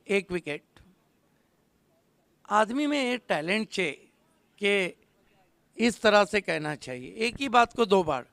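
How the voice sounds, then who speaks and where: Guy calling a local cricket match, high bright voice, smooth and crisp, quick jokes. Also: no echo. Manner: witty, jumps to loud calls on big moments. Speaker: cricket commentator. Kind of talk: live tennis-ball cricket commentary.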